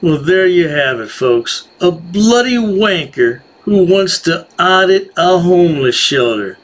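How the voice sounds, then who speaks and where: A man's voice: sits high, expressive, unhurried. A middle-aged man giving a mocking, sarcastic commentary voice-over as the host. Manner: sarcastic, scornful.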